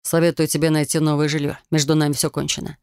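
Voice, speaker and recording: A woman's voice: sits low, level tone, quick pace, clear, resonant tone, no room sound, studio quality. A woman reading an audiobook, voicing a cold, contemptuous husband who talks bluntly and scornfully. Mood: dismissive. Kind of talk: audiobook character voice.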